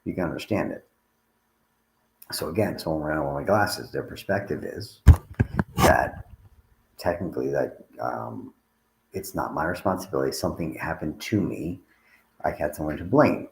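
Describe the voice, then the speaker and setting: A man's voice: rumbling low, vocal fry, reverberant, a little hiss or hum, rough recording. A tired man talking casually to livestream viewers as a coach, rambling and restarting his sentences. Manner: rambling, conversational, frequent restarts. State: tired, yawning.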